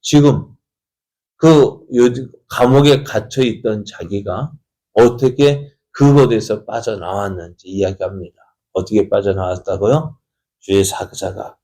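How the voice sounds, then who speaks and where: Low, mellow-voiced male pastor preaching. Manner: storytelling with constant rhetorical questions to the congregation; acts out the characters' dialogue in changing voices. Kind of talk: sermon at early-morning prayer service.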